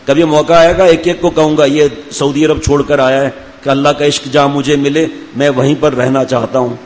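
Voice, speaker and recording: A man's voice: a little high, level tone, a little mellow, in a large hall, rough recording. A middle-aged man, a Sufi spiritual guide, giving a sermon to a gathering. He tells stories with humor and teases his listeners by name. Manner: jovial storytelling, teasing listeners by name.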